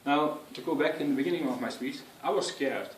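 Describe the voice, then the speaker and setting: A man giving an earnest, instructive speech on public speaking to an audience, with halting phrasing. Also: fairly high pitch, recorded from a distance, slight background noise. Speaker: speech giver. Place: room with an audience. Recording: echoey room, picked up from afar.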